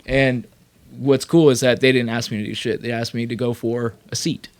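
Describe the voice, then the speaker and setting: A man from California, a rapper and producer, telling his career story as a podcast guest in a loose, animated way full of fillers and swearing. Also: mid-range voice, moderate pace. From Sacramento, California. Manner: animated, profane, lots of fillers. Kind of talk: casual storytelling.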